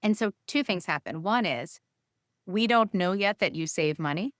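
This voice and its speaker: Female physician guest, low-pitched, smooth delivery, dry close sound, explanatory and animated. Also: moderate pace, no room sound. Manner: explanatory, lively, thinks aloud with fillers. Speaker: guest, physician and healthcare innovation executive. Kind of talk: casual interview conversation.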